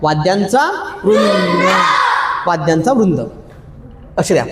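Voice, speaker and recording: Male teacher, Vidarbha Marathi accent, high voice, slow chanted drills, echoey classroom. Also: lively intonation, loud music behind the voice, a loud crowd. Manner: drills students, playful scolding, stretched chanted words. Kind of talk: classroom grammar lesson with call-and-response. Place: classroom with students. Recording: echoey classroom, faint room noise.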